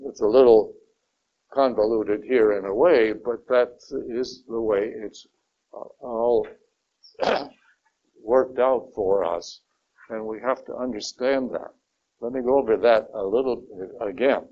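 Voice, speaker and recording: Slow, deliberate low-voiced man teaching. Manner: slow, deliberate, stresses key words. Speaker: Bible study teacher. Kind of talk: Bible study lesson. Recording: dull lo-fi recording.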